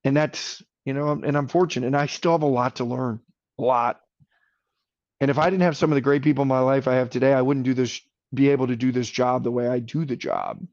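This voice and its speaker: A man's voice: medium pitch, animated, fairly quick, darkish tone, dry recording, lo-fi sound. A man speaking as a podcast guest in casual conversation, earnest and enthusiastic, rambling a little as he talks.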